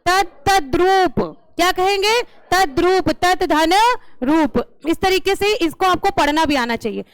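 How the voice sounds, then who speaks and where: A woman's voice: very high voice, dry recording. A woman teacher taking a class through a grammar lesson, asking questions and repeating the answers. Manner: slow, drilling questions and answers.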